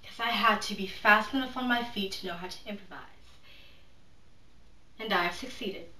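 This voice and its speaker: Woman acting a proud, calculating noblewoman, bright and forceful. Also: mid-range voice, close to an everyday voice. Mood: proud, controlled. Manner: deliberate, emphatic delivery with dramatic pauses and sudden hushed drops. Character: proud, calculating aristocratic woman, cunning and defiant. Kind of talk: theatrical dramatic monologue. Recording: roomy echo, distant microphone.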